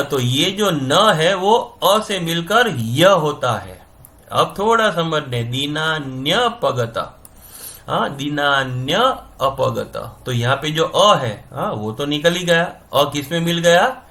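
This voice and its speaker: A man teaches grammar in a slightly raised voice. He talks slowly and spells out each sound, repeating it and asking whether his students are following. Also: a little high, bright, forceful tone. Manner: repeats sounds slowly, checks understanding with "समझ में आ रहा है ना?". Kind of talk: classroom-style explanation.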